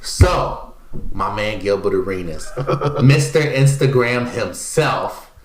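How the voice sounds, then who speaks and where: Deep-voiced man, echoey room. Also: slow pace, slight background noise. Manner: animated storyteller, acts out quotes. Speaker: podcast co-host. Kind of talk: casual podcast chat.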